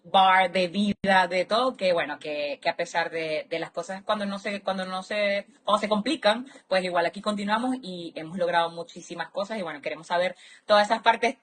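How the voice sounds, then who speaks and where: A woman's voice: lowish voice, brisk. A woman hosting a live interview over a video call, rambling as she introduces her guest. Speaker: host.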